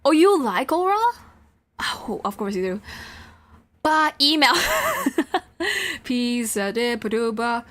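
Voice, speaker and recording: A woman streaming a visual novel gives loose, playful commentary to her chat, often breaking into nonsense singing. Her slightly high, somewhat bright voice swings widely in pitch, moving slowly with long pauses.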